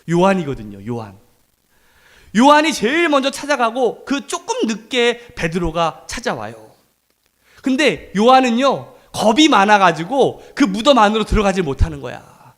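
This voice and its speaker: A middle-aged male pastor giving a sermon in a lively, conversational way, acting out quoted lines. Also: high voice.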